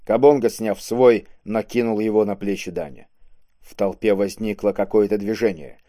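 A man reading a science-fiction novel aloud in a steady, measured narration. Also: on the low side, dry recording, studio quality. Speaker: audiobook reader. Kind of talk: scripted narration.

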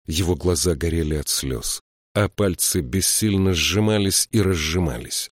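A man narrating a fantasy audiobook in a steady, measured storytelling voice. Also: low-pitched, no room sound, studio quality. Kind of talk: scripted narration.

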